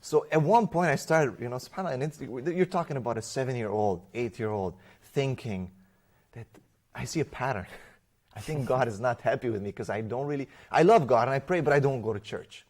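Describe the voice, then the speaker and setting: A man who grew up in Romania, a guest in an interview, telling his personal faith story in an animated way with fillers and restarts. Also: medium pitch, a little fast. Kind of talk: conversational personal testimony.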